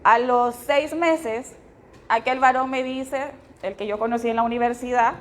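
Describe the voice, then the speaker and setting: A woman's voice: fairly high pitch, steady tone, measured pace. A middle-aged woman with a Honduran accent tells her personal testimony to a live audience. She speaks in a storytelling way and often turns to her listeners with tag questions. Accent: Honduran Spanish. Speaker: testimony speaker at a women's fellowship meeting.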